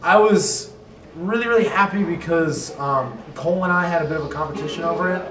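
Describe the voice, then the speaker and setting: Casting: teen boy, fairly high voice, sheepishly happy, echoey far-off sound with music. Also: brisk. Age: teens. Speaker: student actor. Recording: echoey room, distant mic, music behind.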